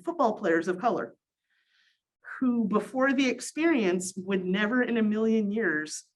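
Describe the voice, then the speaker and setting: A woman's voice: medium pitch, rough recording. Middle-aged woman presenting through a face mask. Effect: speaking through a cloth face mask. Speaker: presenter, sociology professor. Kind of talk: informal academic presentation. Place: small conference room, indoors.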